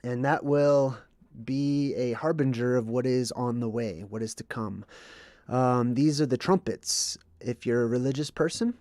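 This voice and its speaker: A man hosting a livestream explains things and reads chat, a bit congested and under the weather, often checking in with "okay" or "right." His medium-pitched, darkish voice keeps a measured pace in a dry recording.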